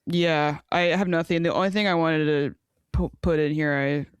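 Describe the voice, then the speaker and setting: A woman's voice: low voice, steady tone, moderate pace, clear, resonant tone, dry recording, clean studio sound. A woman co-hosting a casual sports podcast, blunt and frustrated, swearing and laughing as she talks. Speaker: podcast co-host.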